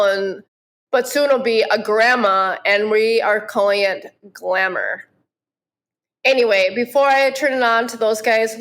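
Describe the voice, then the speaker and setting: A woman with a somewhat high voice co-hosting a podcast. She introduces the guests in a playful, teasing manner. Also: a bit bright. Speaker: podcast co-host.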